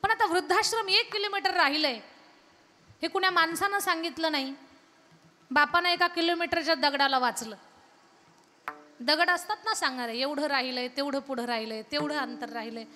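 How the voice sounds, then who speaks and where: High bright-voiced woman preaching a kirtan. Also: normal speed, pauses often. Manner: emphatic, rhythmic listing of phrases. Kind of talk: devotional sermon storytelling. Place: large temple hall, live event. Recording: long hall reverb from a PA.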